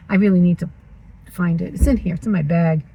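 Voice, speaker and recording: A woman's voice: fairly low pitch, fairly even intonation, normal speed, gravelly, warm tone, husky, rough recording. A woman in her sixties vlogging from her parked car, chatty and teasing herself as she talks. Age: 60s. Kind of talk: casual chatty vlog.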